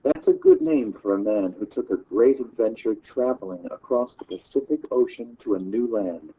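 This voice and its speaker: A man reading aloud in a classroom story lesson, voicing a patient father who explains slowly. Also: fairly low pitch, big pitch swings, mellow, husky, muffled recording, heavily acted.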